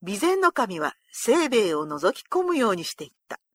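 A woman narrating a historical storybook in a measured, expressive way. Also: mid-range voice, breathy edge, no room sound.

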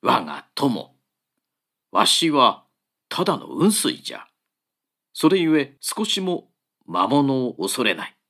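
A man's voice: mid-range voice, takes it slowly, pauses often, exaggerated voice. A man voicing a fearless wandering monk who speaks cheerfully and steadily in an old-fashioned way. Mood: serene. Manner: cheerful, steady, archaic speech.

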